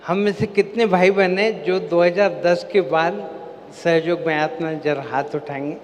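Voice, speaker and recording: A spiritual seminar speaker gives a devotional talk in a large hall before a live audience, posing questions to the crowd and answering them himself. His voice sits on the high side with fairly even intonation at normal speed, and the recording has long hall reverb and faint background noise.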